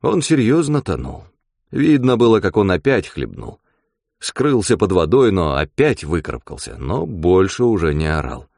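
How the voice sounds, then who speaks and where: A man with a low voice telling a story in a wry, animated way. His pitch rises and falls a great deal, and the sound is dry and close to the mic. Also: moderate pace, creaky, dry recording. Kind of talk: expressive story reading.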